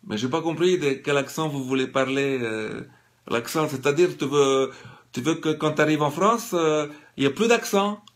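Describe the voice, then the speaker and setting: A man vlogging a casual satirical monologue, ironic and halting, with many fillers. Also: on the high side.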